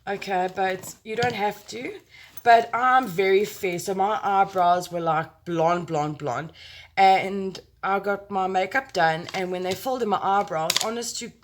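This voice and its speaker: A woman's voice: mid-range voice, a little slow, a little hiss or hum. A woman with a South African accent giving a casual, chatty makeup tutorial to camera, rambling and playful, speaking close to her phone. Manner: chatty, rambling, playful with exclamations and sound words.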